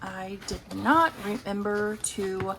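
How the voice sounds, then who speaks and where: A woman's voice: medium pitch, slow pace, vocal fry, fairly bright tone, a little hiss or hum. A woman casually talking through her savings challenges, chatty and thinking aloud as she counts. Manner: chatty, talks to herself while counting. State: has the hiccups. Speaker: budgeting vlogger.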